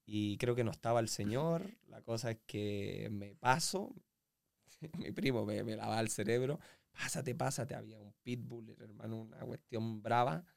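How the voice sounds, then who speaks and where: A man with a Chilean accent, a professional footballer, telling stories from his childhood in a casual interview, animated and acting out the voices of others. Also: fairly low pitch, moderate pace, gravelly, no room sound. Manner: animated storyteller with sound effects and acted-out quotes.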